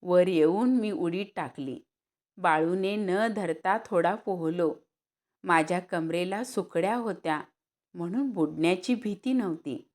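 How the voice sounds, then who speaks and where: A woman reading a story aloud as narrator, lifting her voice for the characters' lines. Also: a little mellow. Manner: unhurried, acts out dialogue with raised pitch.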